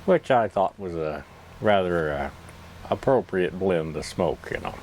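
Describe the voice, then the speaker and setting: Sounding as though he has a pipe clenched in his mouth, a man vlogging on YouTube talks to the camera in a rambling, folksy, self-mocking manner. His low, darkish voice is animated yet unhurried, and there's slight background noise.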